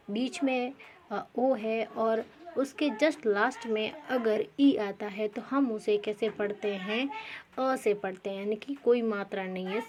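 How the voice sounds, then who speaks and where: Slow, patient woman teaching pronunciation. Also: fairly high pitch, noisy background. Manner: slow, repetitive, quizzes with rhetorical questions; frequent fillers and self-corrections. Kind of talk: explaining pronunciation rules.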